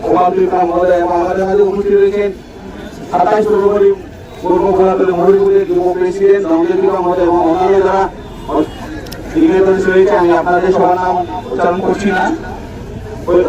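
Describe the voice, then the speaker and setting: A man's voice: sits high, echoey room, dull audio. A man delivers a political rally speech at an open market, urging his listeners on with repeated parallel phrases and switching between languages. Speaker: political candidate addressing an election rally. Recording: distant PA microphone with loud crowd noise.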